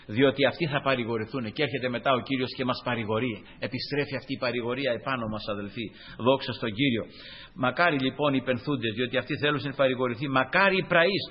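A man preaching a sermon to his congregation, animated, acting out the dialogue he quotes. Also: mid-range voice, slightly rough. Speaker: lay preacher. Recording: dull lo-fi recording.

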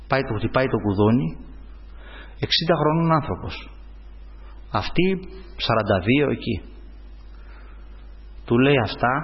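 A man preaching a sermon, telling a personal story and often calling his listeners brothers. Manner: animated storytelling, swings up in pitch. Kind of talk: sermon testimony. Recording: dull sound in a hall with long reverb.

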